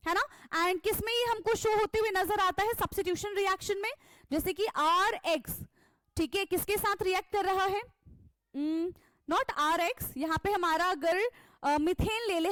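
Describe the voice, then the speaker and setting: A woman's voice: very high voice, no room sound, rough recording. A young woman teaching chemistry in a classroom lecture, explaining step by step and asking and answering her own questions.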